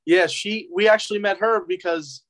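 A young man from New Jersey talks as a musician guest in a relaxed interview. He speaks in an easygoing, halting way, slightly higher in pitch than most men, gathering his thoughts as he goes. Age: young adult. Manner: easygoing, hesitant with fillers. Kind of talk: casual interview chat.

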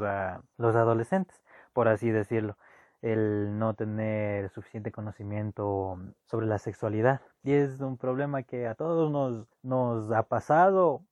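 A young man telling a personal anecdote casually, jumping between loud bursts and hushed asides. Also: mid-range voice, no echo. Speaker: storyteller. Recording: dull lo-fi dry recording.

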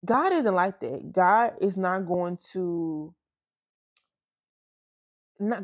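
A woman in her twenties hosts her podcast in a personal, casual chat, speaking candidly and emotionally in casual slang. Her voice is on the low side, she's close to tears and pauses often, and there's no room sound.

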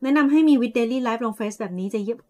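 A playful woman co-hosting a late-night live podcast, her voice sitting a little high. She teases her co-host and jumps in with jokes in a relaxed, casual chat. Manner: playful, teasing, quick to joke.

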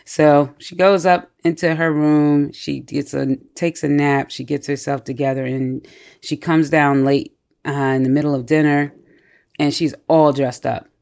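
A podcast co-host in a casual book discussion, retelling the story in an animated way with many fillers and frequent laughter. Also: medium pitch, unhurried, creaky. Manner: laughs often while retelling.

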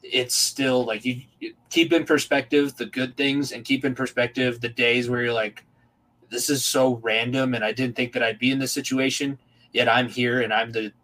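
A man's voice: medium pitch, fairly bright tone, rough recording. A young adult man hosting a casual podcast, talking earnestly and reflectively about teaching, with rambling restarts.

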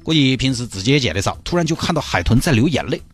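A man's voice: mid-range voice, sing-song, rapid-fire, husky, dry recording, soft background music. A man with a Sichuanese accent, telling a news story in a chatty way with wry asides. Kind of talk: comic storytelling of a news item.

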